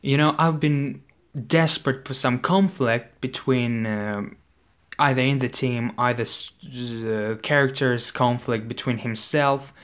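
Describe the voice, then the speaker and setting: A man ranting in casual, profane commentary, his voice hoarse and exasperated. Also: medium pitch, fairly even intonation, unhurried, fairly bright tone. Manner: profane, exasperated, swears constantly. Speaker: wrestling commentator.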